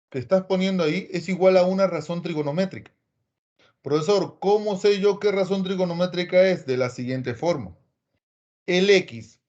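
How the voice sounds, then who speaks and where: A man teaches trigonometry with lively energy and coaxes his students along by name. His voice sits a little high, and he often slips into quick imagined replies from his class. The audio is dull and lo-fi. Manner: addresses students by name, coaxing. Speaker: math teacher.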